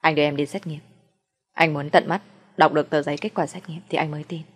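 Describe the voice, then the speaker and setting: Woman playing a soft-spoken young boyfriend, playful and reassuring, low husky voice, storybook reading. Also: fairly even intonation, fast, in a large hall. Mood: firm. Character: young man, gentle teasing boyfriend.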